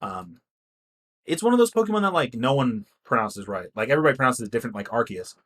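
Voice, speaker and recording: A man's voice: mid-range voice, very animated, fast, a bit bright. A young man co-hosting a podcast in casual chat, rambling and swearing freely. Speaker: podcast co-host.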